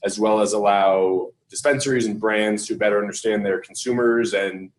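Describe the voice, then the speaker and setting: Lowish voiced guy pitching his startup, steady with lots of ums. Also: moderate pace, low-quality recording. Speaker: startup founder introducing his company.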